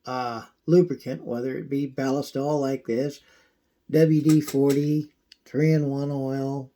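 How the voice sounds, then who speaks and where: Folksy guy doing a slow how-to, thin squeaky voice with a cold coming on, kinda mellow. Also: little pitch movement. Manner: folksy, unhurried, frequent throat clearing. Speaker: video host demonstrating pocket knife care. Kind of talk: casual how-to demonstration.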